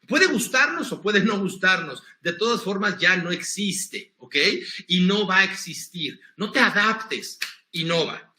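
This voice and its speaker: Man, high voice, very bright and forceful, motivational conference talk, echoey room. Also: measured pace. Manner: energetic, coaching the audience through breathing exercises. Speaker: motivational speaker.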